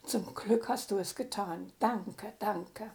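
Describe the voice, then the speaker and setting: A woman's voice: medium pitch, slow pace, vocal fry, dark tone. An older woman voicing a chatty, grateful talking car that runs on artificial intelligence, in a read-aloud story.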